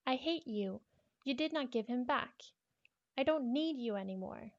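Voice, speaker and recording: A woman's voice: sits high, fairly even intonation, normal speed, highs cut off, voice pushed up, close to an everyday voice. A woman voicing a frightened, obsessive young schoolgirl reading out her horror diary, pleading, stammering and repeating herself. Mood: angry, desperate.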